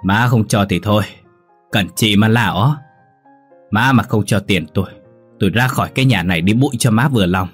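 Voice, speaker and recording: Một người đàn ông giọng khàn, giọng miền Nam, lồng tiếng một gã trai trẻ say xỉn, lè nhè và ngang ngược. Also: male voice, fairly low pitch, brisk, slightly rough, faint music behind. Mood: belligerent. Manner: slurred, defiant shouting. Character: drunk, belligerent young man, slurring.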